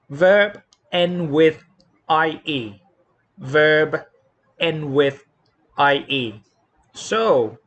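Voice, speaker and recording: A man with a Thai accent teaches English spelling rules at a very slow, deliberate pace. His voice sits fairly high and swings widely in pitch as he repeats each word and spells letters out. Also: a bit bright. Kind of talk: slow classroom explanation.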